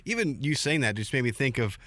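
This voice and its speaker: A man hosts a sports radio talk show in a middle-pitched voice. His delivery is dense and broadcast-like, stacking clause on clause. The sound is dry, with no room around it. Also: sing-song, fast, a bit bright, dry recording. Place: radio studio.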